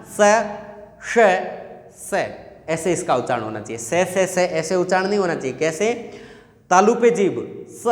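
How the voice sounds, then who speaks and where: A man teaches a lesson in a voice pitched a little high for a man. He keeps asking questions and answering them himself. The sound carries a long reverb from a hard, echoey room. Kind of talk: classroom lesson.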